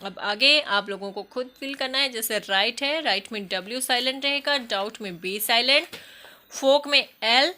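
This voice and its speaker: A woman teacher explaining an English lesson, reading English sentences slowly and loudly and spelling words letter by letter. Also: on the high side. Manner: spells words letter by letter, addresses students as beta. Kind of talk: recorded classroom lesson.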